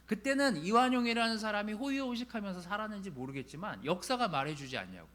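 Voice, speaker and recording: A male pastor giving a sermon in a conversational, animated way, building to emphatic points. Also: high-pitched.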